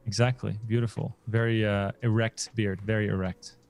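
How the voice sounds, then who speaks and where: A man's voice: on the low side, flat delivery, normal speed, vocal fry, a little mellow. A man co-hosting a poker stream, chatting casually with dry, teasing humor. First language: Dutch. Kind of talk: casual co-host banter.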